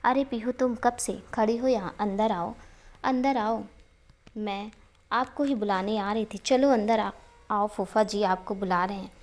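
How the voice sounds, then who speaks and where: Shy soft young auntie talking to a kid, woman doing her in a story reading. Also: medium pitch, a little slow, lightly acted. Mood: tender.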